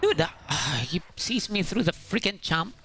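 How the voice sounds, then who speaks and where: A man's voice: high voice, animated, normal speed, creaky, noisy background. A young Filipino-accented man raging at a shooter game as he plays, exclaiming and cursing in exasperation into a headset mic. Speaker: gamer streaming a shooter match. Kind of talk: gaming commentary with casual swearing. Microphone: headset microphone. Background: game gunfire and music.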